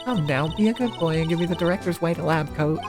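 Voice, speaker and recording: A woman's voice: on the low side, fast talker, music in the background, natural voice. A woman voicing a bossy, stern nurse in a video game, scolding as she orders people around. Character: bossy, forceful nurse scolding an old man. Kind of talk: video game role read aloud.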